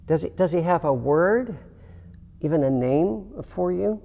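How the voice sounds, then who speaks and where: A man preaching a sermon as pastor, slow and reflective, with dramatic pauses and hushed emphasis. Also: on the high side, lively intonation, creaky. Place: church sanctuary. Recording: long reverb of a church hall.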